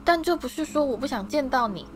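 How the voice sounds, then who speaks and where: A woman's voice: sits high, expressive, fast, faint music behind, pitched above the performer's own voice. A woman voicing a polite, nervous young boy wizard who speaks in a hesitant, careful way.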